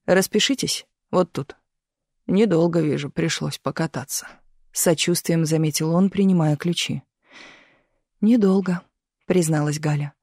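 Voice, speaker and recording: A woman's voice: mellow, no echo, clean studio sound. A woman narrating an audiobook, voicing the characters' lines in turn. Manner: reads all parts, lifts pitch for crying women. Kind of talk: scripted narration.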